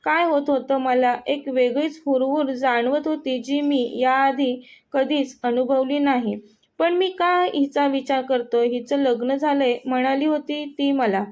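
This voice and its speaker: A woman's voice: sits high, fairly even intonation, a little slow, darkish tone. A woman voicing a young husband, flustered and hesitant, musing to himself in a story reading.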